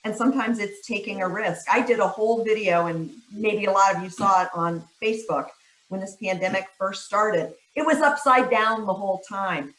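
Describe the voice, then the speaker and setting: A woman's voice: mid-range voice, normal speed, a bit bright. Woman giving casual advice in echoey room. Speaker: panelist. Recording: roomy, echoey sound.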